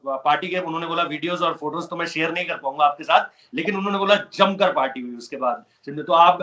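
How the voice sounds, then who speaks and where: A man's voice: a little high, pushed and bright. A male sports host asking long, winding questions with an eager, chatty manner. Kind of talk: interview questions.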